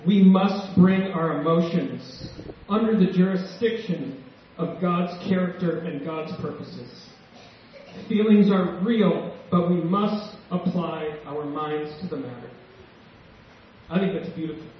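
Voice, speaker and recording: Man preaching, emotional, slow emphatic pauses, very echoey, dull church recording. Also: high voice, a little hiss or hum. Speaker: pastor. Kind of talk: sermon. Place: church sanctuary. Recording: echoey church hall, distant mic, dull sound.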